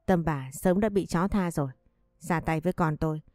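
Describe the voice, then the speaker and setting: A woman's voice: low-pitched, normal speed, a little mellow, dry recording, clean studio sound, faint music behind, natural voice. A woman voicing a furious, bitter grieving wife. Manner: bitter, biting out each word.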